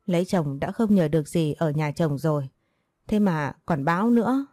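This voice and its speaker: A woman's voice: low voice, moderate pace, a little mellow, dry recording, clean studio sound. A woman voicing a poor, distraught middle-aged village wife who laments and pleads.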